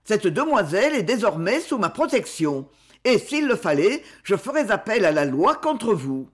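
A gruff, practical merchant who speaks with a rather abrupt frankness, as a woman reading the story puts him on. His lines are firm and indignant, and the pitch moves freely. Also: sing-song, moderate pace, darkish tone. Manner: brusque, indignant. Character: blunt, honourable middle-aged merchant.

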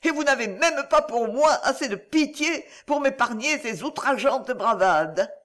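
A man's voice: very high voice, expressive, measured pace, a bit bright, pitched above the performer's own voice, full character voice. A man voicing a proud young wife who pleads with her husband in an impassioned, tearful way. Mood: anguished.

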